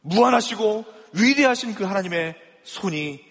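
A man's voice: high voice, lively intonation, normal speed, fairly bright tone, long reverb tail. A male pastor preaching a sermon, driving his points home with emphatic rhetorical questions to the congregation. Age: young adult or middle-aged father.

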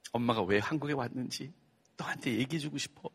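A man voicing a gentle, patient mother who speaks softly and slowly to comfort her crying son. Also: mid-range voice, breathy edge. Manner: soft, slow, hushed tenderness.

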